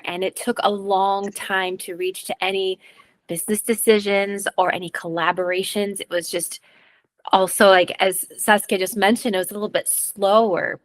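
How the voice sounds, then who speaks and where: A woman co-host speaks in a measured, reflective way. Her voice is dry and close, with no room echo, at an ordinary middle pitch. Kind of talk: casual interview talk.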